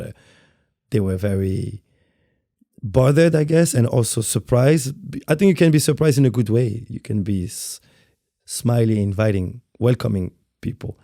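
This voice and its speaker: Speaking English with a French accent, this guest dancer from France is a man in his thirties being interviewed. He is soft-spoken and hesitant, frequently repeating words while looking for what to say. His low, gravelly, dark-toned voice is captured close and dry.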